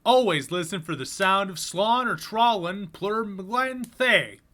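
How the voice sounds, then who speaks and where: A slick salesman-announcer, put on by a man reading aloud, pitches his wares in a loud, emphatic voice that leans on the key phrases. The tone is bright and forward, pitched a little high, with words drawn out for effect. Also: animated, slow, heavily acted. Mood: grand pitching. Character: slick booming male salesman-announcer pitching a strange book.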